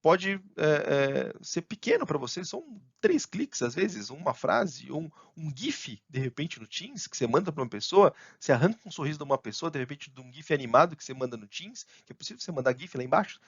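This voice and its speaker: A man presents a talk at a tech conference. His voice sits at an ordinary middle pitch and sounds dry and close, with a slightly dull, muffled tone. He speaks with restarts and fillers and lifts his voice sharply when he acts out what colleagues say. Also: brisk, few pauses, slightly rough, no echo. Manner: animated, acts out colleagues' lines in a raised voice.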